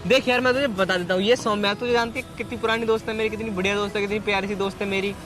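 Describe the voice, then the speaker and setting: A twenty-year-old man who hosts prank videos chats casually, teasing and repeating himself as he explains things. His voice is high-pitched and steady, and he talks very fast, in a tone of teasing banter.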